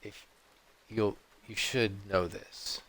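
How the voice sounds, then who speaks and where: A man streaming a game, rambling off on tangents and often clearing his throat. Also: lowish voice, steady tone, slow pace, fairly bright tone. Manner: meandering, digressive, frequent throat clearing. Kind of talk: rambling live-stream commentary.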